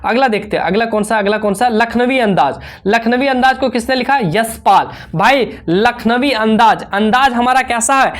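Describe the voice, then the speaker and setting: High-voiced woman drilling exam questions. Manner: rapid question-and-answer drilling, constantly addressing students; playful memory tricks with repetition. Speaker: exam coaching teacher. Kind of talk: exam revision lesson.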